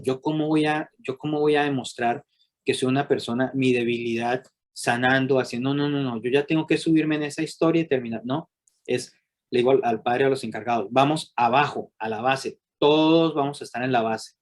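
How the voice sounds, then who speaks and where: Guy psychologist running a workshop, animated, keeps asking the group questions, mid pitch. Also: a little fast. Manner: animated, asks many rhetorical questions; acts out quoted people with raised voice. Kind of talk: workshop teaching.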